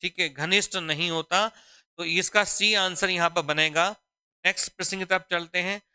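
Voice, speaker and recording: A man with a very bright, crisp, high-set voice teaches an exam-prep grammar lesson. He talks in a deliberate, drawn-out way and keeps asking the class questions and answering them himself. The sound is close and dry. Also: no echo. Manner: repeats questions to students, calling them "beta" and "bachchon". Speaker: Hindi teacher.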